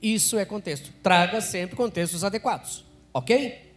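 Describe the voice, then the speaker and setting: A Brazilian man teaching public speaking live to an event audience, energetic, constantly quizzing the room. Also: sits high, measured pace.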